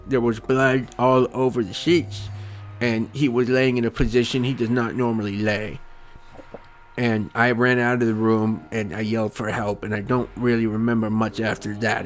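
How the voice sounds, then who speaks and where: A nervous little gnome servant stumbles through his account, voiced by a man. The voice has a gravelly edge and sits at an ordinary pitch. Soft music plays underneath. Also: natural voice. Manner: halting, hesitant. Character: timid male gnome servant, shaken.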